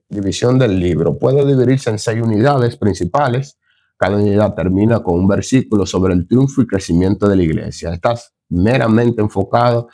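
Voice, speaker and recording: A man with a low, dark voice gives a recorded Bible lesson in a dry setting with no echo. The Bible teacher speaks earnestly and without a script, often exclaiming "Gloria a Dios" and stumbling, then correcting his own slips.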